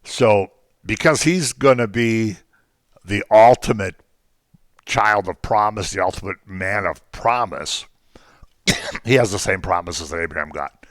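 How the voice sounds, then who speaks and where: A man's voice: on the low side, measured pace, long pauses, fairly bright tone, no room sound, studio quality. A man teaching an informal Bible class, talking conversationally with frequent ums and jokey asides to the class.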